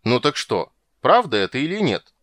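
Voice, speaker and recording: A man's voice: on the low side, big pitch swings, moderate pace, fairly bright tone, no room sound, studio quality. Man doing a grumpy blustering sea king. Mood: stern. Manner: grumbling, blustering. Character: grumpy capricious male sea king, loud and sulky.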